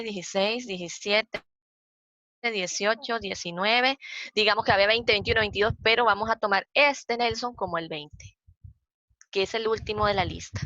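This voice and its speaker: Bright-voiced Costa Rican woman teaching. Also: medium pitch, dry recording. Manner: patient, repeats points, counts aloud slowly. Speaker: librarian giving a citation workshop. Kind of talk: explaining slides in a training session. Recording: dull, dry lo-fi sound.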